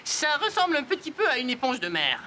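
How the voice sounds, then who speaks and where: A woman's voice: high-pitched, huge pitch swings, brisk. A woman playing a curious, naive little friend in a children's cartoon. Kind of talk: animated children's show acting. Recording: loud music over the voice.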